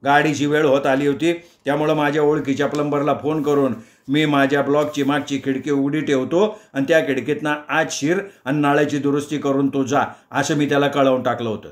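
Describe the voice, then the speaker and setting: A man's voice: on the high side, level tone, fairly quick, reverberant, lightly acted. A man doing an angry, fed-up neighbour. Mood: explaining. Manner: agitated, scolding. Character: fed-up middle-aged male neighbour, accusing.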